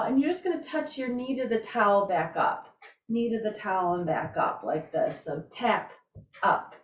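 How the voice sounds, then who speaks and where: Leading an exercise class, a woman mixes casual chat and counting with informal words of encouragement. She has a mid-range voice. Her distant mic gives a roomy echo, with slight background noise.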